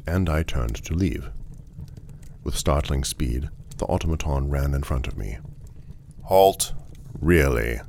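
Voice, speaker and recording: A man's voice: rumbling low, vocal fry, a little mellow, slight background noise. A man narrating a first-person story in a dry, wry, genteel manner.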